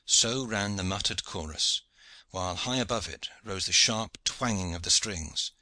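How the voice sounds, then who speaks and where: A man reads a classic adventure novel aloud in steady, clear narration. His voice sits low, with a very bright, sharp edge, and the sound is dry and close with no room echo. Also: unhurried. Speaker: audiobook narrator. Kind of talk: scripted narration.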